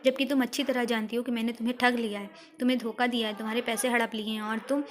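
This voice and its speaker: A woman plays a stern, lecturing householder who nags over money and then delivers a moral speech. The voice sits a little high and stays flat, reading steadily like a schoolbook play. Firm and measured throughout. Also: background noise, lightly acted. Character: stern scolding middle-aged male householder.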